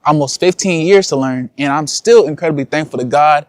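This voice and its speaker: A man's voice: on the high side, fairly quick, no echo, studio quality. A young man, a content creator, talking casually and slangily to his viewers in a vlog. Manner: casual slangy talk, addresses viewers as y'all.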